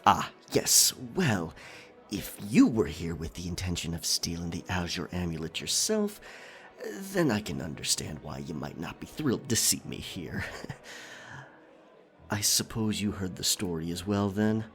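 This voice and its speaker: A man's voice: deep voice, sing-song, fairly bright tone, exaggerated voice. A man playing a roguish, flirtatious, cocky pirate captain in a theatrical, teasing audio roleplay. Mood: smug, coaxing. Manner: teasing, theatrical, drawn-out delivery with chuckles. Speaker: voice actor. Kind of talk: romantic roleplay ASMR acting.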